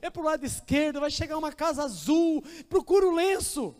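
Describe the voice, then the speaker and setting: A man's voice: extremely high pitch, fairly quick, a little mellow, pitched above the performer's own voice. A man voicing an anxious young man going home to his father, pleading and restless, with a Brazilian Portuguese accent. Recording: reverberant church hall.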